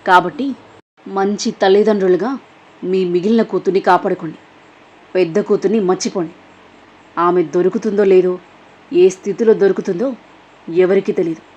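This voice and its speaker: A woman's voice: mid-range voice, steady tone, normal speed, pauses often, darkish tone, close to an everyday voice. Cold menacing villainess, as a woman reads her. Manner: menacing, clipped. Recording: dull lo-fi recording.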